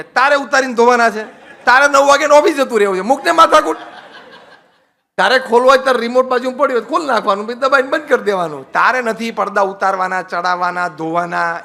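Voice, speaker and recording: A swami delivers a playful sermon in a high, bright voice. He teases and coaxes his listeners, dropping English phrases into his talk as he goes. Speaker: swami giving a spiritual discourse. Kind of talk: humorous religious discourse on married life.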